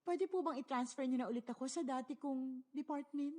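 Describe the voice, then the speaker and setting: A woman dubbing a flustered, timid young office worker who pleads in a high, anxious voice. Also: fairly quick, darkish tone. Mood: hesitant. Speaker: dub actress voicing a young office worker.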